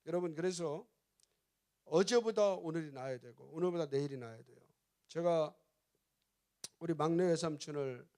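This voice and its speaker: Male pastor, middle-aged, high-pitched, emphatic revival preaching, loud exclamations. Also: moderate pace, long pauses. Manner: emphatic preaching, rises to loud exclamations, asks the congregation questions. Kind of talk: revival sermon.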